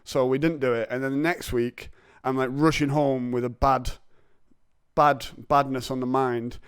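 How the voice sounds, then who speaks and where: A man's voice: mid-range voice, steady tone, moderate pace, clear, resonant tone, no room sound, clean studio sound. A man hosting a podcast, chatting in a rambling, jokey, confessional way. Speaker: podcast host. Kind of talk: casual chat.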